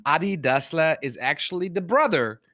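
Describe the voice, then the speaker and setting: A man with a German accent, hosting a casual cultural Q&A and explaining at length with restarts, sometimes slowing down to spell words out. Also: on the high side, expressive, pushed and bright, dry recording. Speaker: host.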